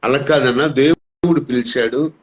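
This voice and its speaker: A man's voice: mid-range voice, fairly even intonation, a little slow. A middle-aged man giving an emotional testimony as a pastor, earnest and near tears, his fervor rising as he speaks. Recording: dull lo-fi sound.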